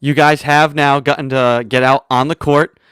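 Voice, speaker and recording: A man's voice: fairly high pitch, little pitch movement, normal speed, a bit bright, clean tone, no echo. A man hosting a college radio talk show, chatting casually, telling stories and laughing often. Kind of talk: casual chat and interviewing.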